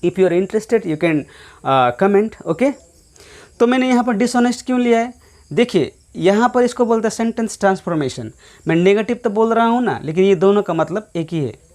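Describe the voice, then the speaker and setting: A man's voice: high voice, lively intonation, moderate pace, a little mellow. Hindi-speaking man teaching English grammar. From India. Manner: explains in Hindi mixed with English, with many rhetorical questions and fillers. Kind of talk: grammar lecture.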